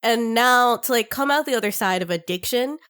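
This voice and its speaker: A woman co-hosting a casual comics podcast, talking warmly and emotionally and laughing often. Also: fairly high pitch, normal speed, smooth. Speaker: podcast co-host. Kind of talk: casual chat about comics.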